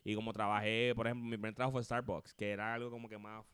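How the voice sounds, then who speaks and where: A man, co-hosting a podcast in casual chat and telling stories in a rapid, animated way full of slang. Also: fairly low pitch, smooth, no echo. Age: 30s. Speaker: podcast co-host.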